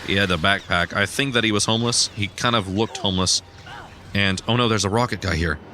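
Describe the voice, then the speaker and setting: A young man talks his way through a game in loose, rambling commentary, drifting into personal stories and breaking into sudden excited yelps. His voice sits a bit low but has a very bright, forward edge. A faint background hiss runs under the recording. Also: fairly quick. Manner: rambling, chatty storytelling with bursts of loud excitement. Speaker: gaming streamer. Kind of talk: casual let's play commentary.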